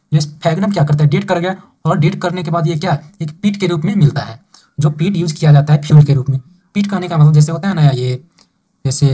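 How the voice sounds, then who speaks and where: A man teaching a biology exam-prep class. He reads textbook lines slowly in English, then explains them in Hindi, checking in often with "ठीक है". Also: fairly high pitch, dark tone, slightly rough. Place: online class recording.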